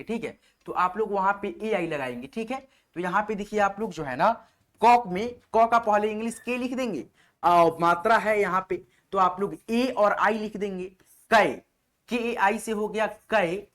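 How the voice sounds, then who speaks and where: A man teaching an online spelling lesson step by step, a patient and repetitive tutor who slowly spells out letters one by one and keeps checking in with his viewers. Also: high voice, a bit bright.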